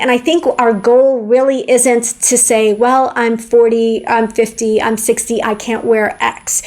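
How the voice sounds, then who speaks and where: Chatty woman in her 40s, pretty high voice, frank opinions, repeats herself for emphasis. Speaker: fashion vlogger. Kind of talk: opinionated style advice to camera.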